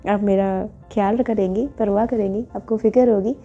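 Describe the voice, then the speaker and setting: A woman's voice: mid-range voice, steady tone, moderate pace, mellow, close to an everyday voice. A woman voicing an affectionate, stubborn young woman in love, talking in a pleading, coaxing way. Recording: dull lo-fi with faint music.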